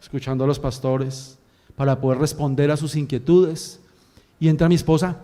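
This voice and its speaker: A man, a pastor giving a sermon as an animated storyteller who acts out scenes. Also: fairly high pitch, moderate pace.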